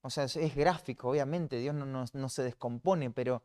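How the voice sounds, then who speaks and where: A man's voice: medium pitch, moderate pace, a little mellow. A man with a Rioplatense Spanish accent teaching a church Bible class, earnest, often restarting and repeating words. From Argentina.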